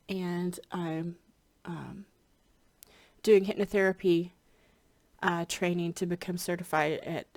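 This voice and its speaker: A spiritual hypnotherapy practitioner chats casually to camera for her viewers, rambling with many ums and restarts. Her voice is on the low side, a little congested and slightly scratchy.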